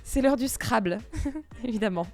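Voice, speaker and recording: A woman's voice: on the high side, moderate pace, soft background music. Jokey slangy woman retelling a myth. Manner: slangy, jokey asides, frequent laughs. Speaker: streamer storyteller. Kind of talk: casual myth retelling on a stream.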